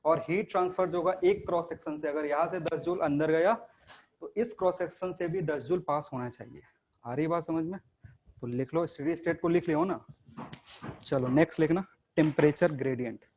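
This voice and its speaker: A man with a fairly high voice teaches a live class. He talks students through each step, asking a question and supplying the answer himself. His Hindi is peppered with English technical terms. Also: brisk, darkish tone. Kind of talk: classroom lecture.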